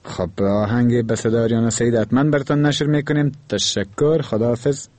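A man's voice: medium pitch, fairly even intonation, darkish tone, no echo. A man with an Afghan Dari accent hosting a radio call-in show, speaking politely and without hurry to his callers. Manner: polite, unhurried and courteous with callers.

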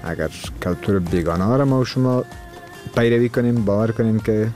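Afghan Dari-speaking radio host, earnest. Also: male voice, lowish voice, mellow, faint music behind. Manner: earnest, lecturing about culture. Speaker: radio call-in show host. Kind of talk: radio call-in talk.

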